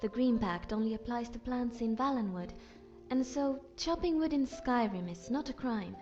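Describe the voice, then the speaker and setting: A woman voicing a polite, curious young wood elf archer, measured and courteous, as game companion dialogue. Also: fairly high pitch, animated, a little mellow, lo-fi sound, soft background music, close to an everyday voice. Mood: matter-of-fact.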